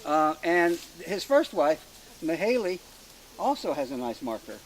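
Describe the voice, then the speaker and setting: A middle-aged man telling family history to a gathered group outdoors at a rural graveside, in a hesitant, halting way with many fillers and restarts. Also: a little high, very animated, rough recording. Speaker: family historian speaking at a family reunion. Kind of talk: informal storytelling speech to a gathered group.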